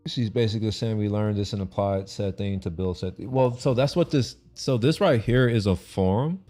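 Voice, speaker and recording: A man's voice: lowish voice, normal speed, dark tone, soft background music. A young man from Texas chatting on a livestream in a loose, rambling way, restarting sentences and swearing casually. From Texas, USA. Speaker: streamer. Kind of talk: casual chat.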